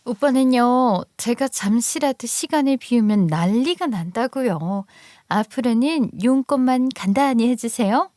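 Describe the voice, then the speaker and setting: A woman's voice: a little high, expressive, a little slow, a little mellow, dry recording, studio quality, pitched above the performer's own voice. A woman voicing a brusque, condescending young married woman in acted story dialogue. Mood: curt. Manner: brusque, dismissive, brags about herself.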